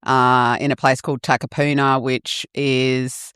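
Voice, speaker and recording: Unhurried and smooth, her bass voice is a bit bright and shows little pitch movement, captured in clean studio sound without echo. She is a Fiji-born, New Zealand-raised woman of middle age whose first language was Fijian, and as a podcast guest she recounts her life in relaxed, frank, sweary interview chat.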